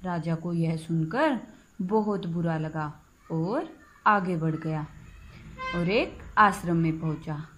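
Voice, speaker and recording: Woman schoolteacher with a Haryanvi Hindi accent, unhurried storytelling for small kids, faint hiss behind. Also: on the low side, poor audio. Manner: slow, gentle, clearly spaced phrases for children. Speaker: primary school teacher. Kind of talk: storytelling lesson for young children.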